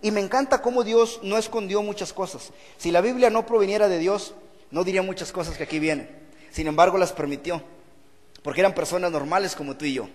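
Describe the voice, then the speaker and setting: A man's voice: high-pitched, fairly quick, big-room sound. A male pastor preaching an earnest sermon and repeating phrases for emphasis. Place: church hall.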